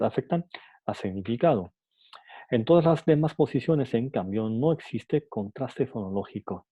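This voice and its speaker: A man's voice: lowish voice, no room sound. A man teaching a phonetics lesson, hesitant, with many restarts and fillers, often adding a rhetorical "no?". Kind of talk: phonetics lecture. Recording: tinny lo-fi dry recording.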